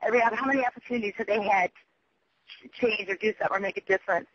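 A man leaving a rambling voicemail message over the phone, halting, often losing his thread and swearing. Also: high-pitched, slight background noise. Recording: dull lo-fi telephone voicemail recording.

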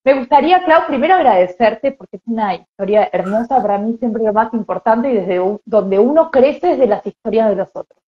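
Female interviewer, bright high voice, eager chatty reactions. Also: lively intonation, fairly quick. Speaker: host. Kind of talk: interview chat. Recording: dull lo-fi audio.

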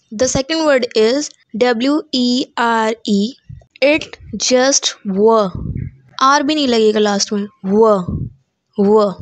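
A woman teaching English pronunciation, spelling each word out letter by letter and then repeating it slowly, mixing Hindi and English. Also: on the high side, no echo. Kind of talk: pronunciation lesson.

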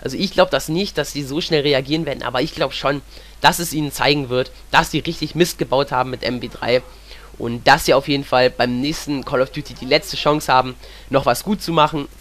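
Brisk and fairly bright in tone, this young man's mid-range voice carries rambling, chatty commentary over gameplay despite his cold. He fills his sentences with "ja."

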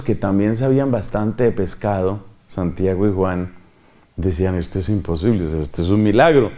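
A middle-aged man, preaching a sermon as a priest, asking his listeners questions and acting out quotes. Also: fairly low pitch. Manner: animated, questions the audience and acts out quotes.

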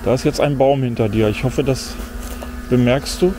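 Out in a forest, a middle-aged man who vlogs about drones tests one while talking to himself at normal speed in a mid-range voice. His casual commentary carries a mildly disappointed mutter, and the recording has buzzing insects and faint outdoor ambience.

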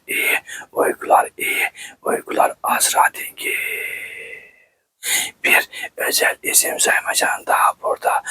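A man whispering ASMR in a hushed, soothing way, quiet at night, repeating short phrases like a soft chant. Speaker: host of an ASMR channel.

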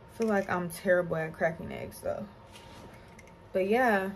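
Her voice is low-ish and creaky, a little slow, with huge swings in pitch. She's a young vlogger and TV anchor chatting playfully to her camera and poking fun at herself, with noticeable background noise in the recording.

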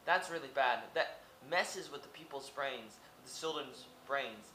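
A young Oregon vlogger from the United States speaks at a measured pace into his webcam at close range, rambling in a small room with repetition and rhetorical questions. His mid-range voice comes across bright and forceful. The audio is poor and reverberant, with a little hiss or hum.

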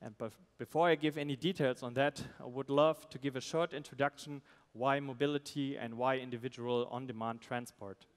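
A man, a startup founder giving a halting, pitch on a conference stage. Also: fairly even intonation, clear, resonant tone. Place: stage in a large event hall. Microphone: headset. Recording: amplified voice in large reverberant hall.

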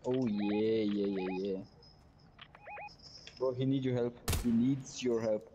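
A man with a low, mellow tone talks slowly over game voice chat, guiding his squad and laughing. A faint hiss of noise sits under his voice. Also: fairly even intonation, highs cut off. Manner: laughs a lot, gives teammates directions. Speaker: gamer. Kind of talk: casual gaming banter.

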